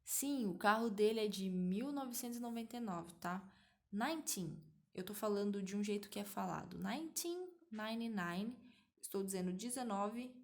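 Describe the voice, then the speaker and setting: A woman's voice: mid-range voice, normal speed, a little mellow. A woman with a Brazilian Portuguese accent teaching an English lesson, explaining patiently step by step and often checking that her students follow. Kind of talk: online language lesson.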